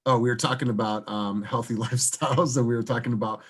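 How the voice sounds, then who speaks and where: A man's voice: medium pitch, fairly even intonation, fast, breathy edge. A man leading a casual team meeting over a video call, calling on people by name and encouraging them. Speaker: team leader. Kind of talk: casual group meeting chat.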